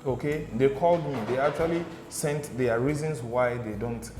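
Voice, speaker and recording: This Ghanaian guest has a mid-range voice and a moderate pace, telling animated stories in a casual studio interview. Again and again he checks in with "okay?" and "do you understand?". Background noise, room echo and music accompany the recording.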